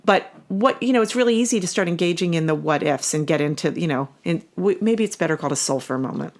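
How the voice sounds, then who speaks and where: A woman co-hosts a casual podcast conversation in a somewhat low voice. She talks in a chatty, animated way and laughs easily with her co-host. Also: quick pace.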